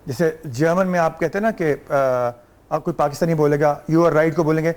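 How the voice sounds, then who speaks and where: A man's voice: a little high, steady tone, darkish tone. A man with a Pakistani Urdu accent, a guest on a talk show, telling chatty anecdotes and mixing in English and Arabic phrases. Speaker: guest actor. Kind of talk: relaxed talk show storytelling.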